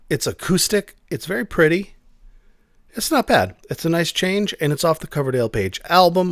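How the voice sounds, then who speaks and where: A man's voice: mid-range voice, no echo, clean studio sound. A man hosting a music podcast, chatting casually in a sleepy, laid-back, offhand way. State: sleepy, yawning. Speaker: podcast host.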